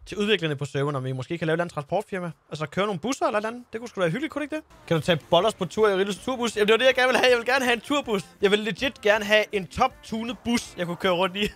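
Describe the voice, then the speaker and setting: A man with a fairly high voice chats boisterously in character as a bus driver in a game. He talks loosely and swears casually. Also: animated, fairly bright tone. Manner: boisterous and chatty, with frequent laughs and mild swearing. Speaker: game streamer role-playing a bus driver. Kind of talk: casual in-character role-play chat.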